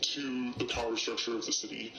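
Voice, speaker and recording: An anonymous forest defender gives halting eyewitness testimony through a voice-disguising effect. The distorted deep voice stays in a narrow, flat pitch range, in a roomy, echoing recording with clear noise behind it.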